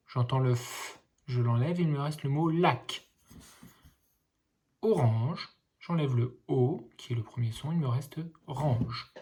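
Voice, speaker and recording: A man with a slightly husky voice speaks slowly and patiently, as if to young children. He is reading a lesson, sounding out each word carefully and saying it twice. His delivery is unhurried and clear in meaning. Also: mid-range voice, darkish tone. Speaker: teacher.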